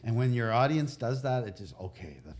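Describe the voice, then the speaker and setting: A man's voice: medium pitch, a little fast, a little mellow. A middle-aged man guest on a casual podcast, telling rambling anecdotes about community theatre and trailing off with chuckles.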